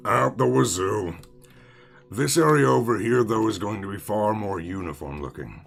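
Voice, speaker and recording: Casually talking to his stream audience as he plays, a man with a lowish, creaky voice speaks at a moderate pace. He wanders off topic, curses openly, and mocks himself, with soft music playing in the background.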